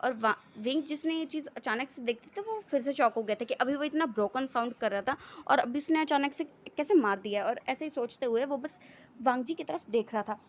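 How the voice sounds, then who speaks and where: A woman's voice: high-pitched, expressive, fairly quick. A woman telling a fan-fiction story in a chatty, run-on way with many fillers.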